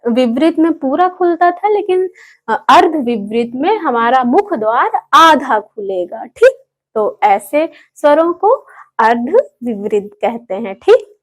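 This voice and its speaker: A woman teaching a Hindi grammar lesson online, patiently repeating each term and asking her students rhetorical questions. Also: sits high. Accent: Indian Hindi.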